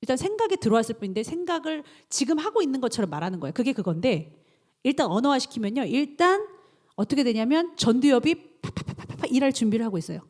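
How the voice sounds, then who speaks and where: A woman pastor preaching a sermon, animated and acting out inner self-talk in quoted voices. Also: high-pitched, quick pace.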